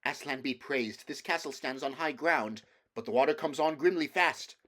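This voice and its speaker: A man's voice: medium pitch, normal speed, fairly bright tone, pitched above the performer's own voice, natural voice. A man voicing a noble young prince in a storybook reading, with archaic, formal, declamatory speech. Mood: urgent alarm.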